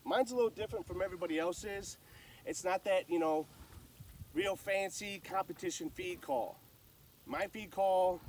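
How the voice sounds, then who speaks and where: A man's voice: high voice, darkish tone, far from the mic, slight background noise. A man giving casual, folksy, plain-spoken instruction as a hunter sharing calling tips.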